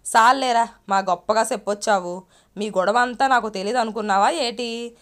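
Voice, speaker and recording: A woman's voice: on the high side, normal speed, close to an everyday voice. A woman reading the part of an older village man who angrily scolds his nephew. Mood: scolding. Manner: loud, scolding.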